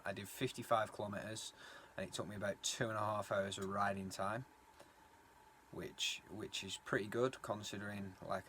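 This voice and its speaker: A man's voice: lowish voice, a bit bright. A man chatting casually as he vlogs a night bike ride outdoors, rambling with lots of fillers. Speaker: cycling vlogger. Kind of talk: casual vlog narration while riding. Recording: windy outdoor phone recording. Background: wind noise.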